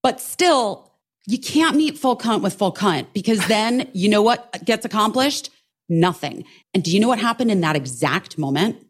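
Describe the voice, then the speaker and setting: A woman co-hosting a podcast, telling a story in casual chat, animated and swearing freely while acting out what others said. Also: mid-range voice, normal speed, slightly rough. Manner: animated, swears a lot, acts out quotes. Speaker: podcast co-host.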